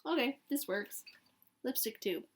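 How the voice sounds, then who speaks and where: A woman in her late thirties chatting casually and candidly to camera, rambling and emphatic, with a raspy voice like a longtime smoker's. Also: fairly high pitch, animated, a little slow. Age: late thirties, almost forty. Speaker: vlogger talking to camera.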